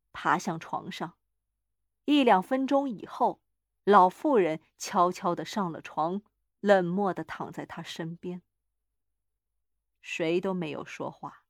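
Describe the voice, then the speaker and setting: A woman narrating a horror story in a measured, dramatic reading. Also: mid-range voice, no echo, studio quality.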